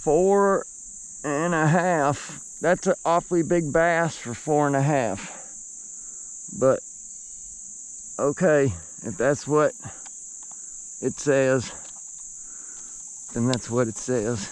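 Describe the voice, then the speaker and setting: A man's voice: fairly high pitch, slow pace, pauses often, clean tone. A man hosting his own fishing video outdoors by a lake, recorded on an action camera, who keeps talking to himself and to the fish he lands. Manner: excitable, talks to himself and the fish. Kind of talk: casual fishing vlog commentary.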